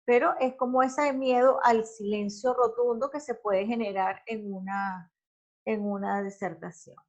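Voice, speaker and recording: A woman's voice: fairly high pitch, fairly even intonation, lo-fi sound. Woman teaching a lecture, plain fillers. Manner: explains slowly with frequent fillers and "ok?" checks. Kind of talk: recorded class lecture on public speaking.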